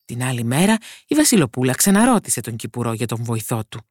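A woman narrating a fairy tale for a podcast, expressive and switching voices for characters. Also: a bass voice, no echo, studio quality. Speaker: storyteller.

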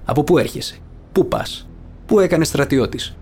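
A man voicing a stern but kindly male garrison commander in an audiobook, asking brisk questions over faint guitar music. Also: fairly high pitch, expressive, a little mellow, pitched above the performer's own voice. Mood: questioning.

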